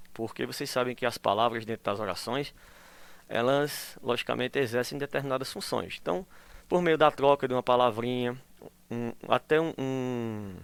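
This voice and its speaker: A male teacher giving a recorded school lesson. He explains patiently, checks in constantly with tag questions, and acts out example phrases in a lively way. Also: medium pitch, smooth, no echo.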